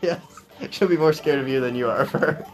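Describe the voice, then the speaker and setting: A man's voice: on the high side, fairly quick. A young man co-hosting a let's play, tossing in dry, playful quips. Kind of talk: casual gaming chat. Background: video game music.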